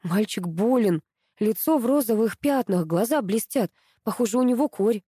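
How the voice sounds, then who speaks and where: A woman's voice: fairly high pitch, animated, moderate pace, mellow, slightly rough, no room sound, clean studio sound. A woman reading aloud, voicing a stern middle-aged school director who speaks curtly and sarcastically. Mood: concerned. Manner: curt, cold, sarcastic.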